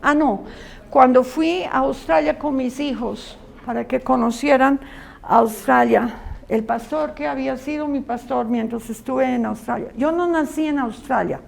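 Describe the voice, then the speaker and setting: A woman Bible teacher from Colombia lectures students in a conversational classroom style, earnest and full of asides. Her voice sits high and is creaky, and she speaks unhurriedly.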